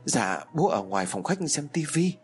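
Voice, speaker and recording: A man voicing a caring adult son who gently reassures his frightened mother. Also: medium pitch, very animated, normal speed, faint music behind, close to an everyday voice. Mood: reassuring.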